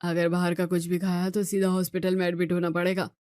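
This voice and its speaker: A woman's voice: lowish voice, monotone, fast talker, a little mellow, no room sound, clean studio sound, lightly acted. A woman voicing a strict male doctor who gives firm warnings. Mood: stern.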